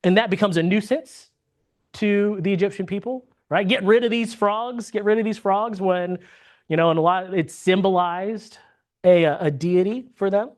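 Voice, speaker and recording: At a moderate pace and in a mid-range voice, this Bible class teacher from the United States runs a conversational lesson. Tag questions come often as check-ins with the class, and sentences get restarted with words repeated mid-sentence.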